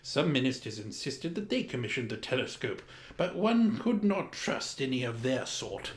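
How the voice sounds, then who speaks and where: A man with a mid-range voice reads a children's story at a moderate pace as the host of a story time. His pitch swings widely, and his delivery is pompous, grand, formal and theatrical, full of dramatic emphasis. The room sounds large and echoey.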